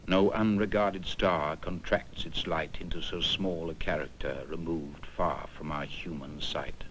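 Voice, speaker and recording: A man solemnly reciting old devotional verse in a grave, deliberate manner. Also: low-pitched, steady tone, a bit bright, slight background noise, poor audio. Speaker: reader of verse.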